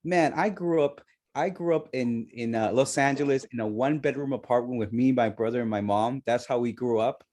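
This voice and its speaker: Male co-host from El Salvador, mid-pitched voice, earnest and laughs a lot. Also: fairly quick, few pauses, a little mellow. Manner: laughs often, earnest and reflective. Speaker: co-host, immigration lawyer. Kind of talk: casual radio chat.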